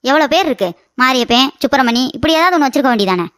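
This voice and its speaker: A woman voicing a bickering older mother-in-law in a cartoon comedy, scolding with quick sarcasm. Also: high-pitched, animated, a bit bright, dry recording, clean studio sound.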